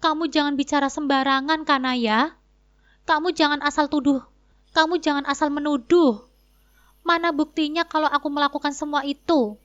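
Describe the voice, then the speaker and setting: A woman's voice: high voice, fairly even intonation, normal speed, a bit bright, lo-fi sound. Woman voicing a lying, defensive husband. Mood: indignant. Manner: pleading denials, turning indignant.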